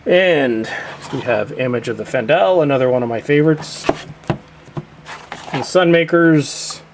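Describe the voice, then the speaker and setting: Guy chatting through his collection shelf, mid-pitched voice, faint room hum behind, stretches the titles out. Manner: chatty, drawls out each title slowly. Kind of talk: casual collection walkthrough.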